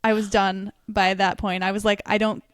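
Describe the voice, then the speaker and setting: A woman's voice: medium pitch, flat delivery, moderate pace, clean tone, dry recording, studio quality. A young woman co-hosting a book podcast, chatting casually and animatedly, laughing often. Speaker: podcast co-host. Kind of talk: casual book review chat.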